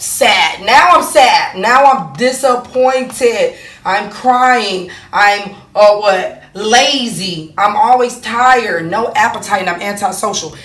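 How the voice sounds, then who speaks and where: In an echoey room, recorded on a distant mic, a woman casually explains her monthly cycle, posing rhetorical questions to herself, answering them, and checking in with "okay?" and "right?". Her voice is medium-pitched and a bit bright.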